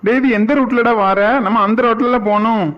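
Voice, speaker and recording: A man voicing a kind young husband in a cartoon family drama, calm and reassuring. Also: very high-pitched, fairly quick, highs cut off. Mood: friendly.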